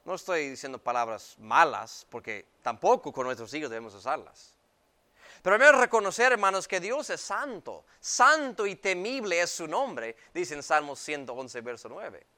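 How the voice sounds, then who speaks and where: Male pastor, clear bright voice, emphatic sermon delivery. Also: a little high, lively intonation, moderate pace. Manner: emphatic preaching, swinging between loud and quiet. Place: church.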